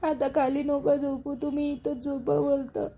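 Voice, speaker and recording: A tearful pleading young wife. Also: female voice, sits high, little pitch movement, measured pace, dark tone, a little hiss or hum. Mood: earnest. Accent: Marathi, Vidarbha dialect. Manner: pleading, apologetic. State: crying. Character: tearful young daughter-in-law pleading with husband.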